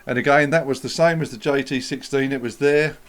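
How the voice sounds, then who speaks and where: A man's voice: mid-range voice, fairly even intonation, fairly quick, a bit bright. A man co-hosting a casual gear chat, explaining things steadily, with many ums. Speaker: co-host.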